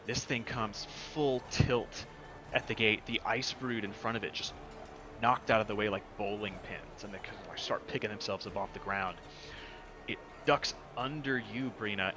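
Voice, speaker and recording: A man's voice: fairly low pitch, background noise. A man narrating a tabletop game as game master, describing the action vividly. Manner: vivid, energetic scene description. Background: music.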